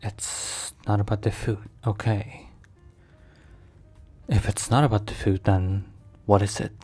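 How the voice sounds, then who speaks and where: This low-voiced man voices a protective mafia-boss boyfriend for ASMR, sounding concerned and gentle. His intonation stays fairly even, a bit mellow with a breathy edge, and he chooses his words formally, pausing haltingly while caring for his partner over background music.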